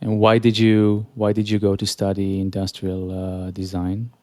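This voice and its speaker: A man hosting a podcast interview, asking measured follow-up questions with small restarts. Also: on the low side, completely flat delivery, darkish tone, no room sound, clean studio sound. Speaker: podcast host.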